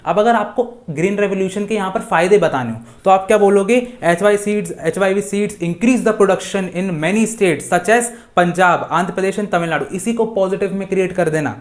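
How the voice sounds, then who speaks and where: भारतीय अंग्रेज़ी लहजे वाला एक युवा पुरुष शिक्षक, जो लाइव परीक्षा-तैयारी क्लास में हिंदी बोलता है और अंग्रेज़ी नोट्स धीरे-धीरे पढ़कर सुनाता है।. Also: male voice, high voice. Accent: Indian English. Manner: mixes Hindi with slow English read-outs from notes. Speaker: teacher. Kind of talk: live online exam-revision lesson.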